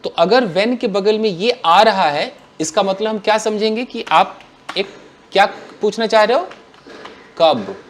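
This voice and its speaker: A man teaching English grammar to a class, asking questions and answering them himself in an animated way. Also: high voice, a little slow, a little hiss or hum.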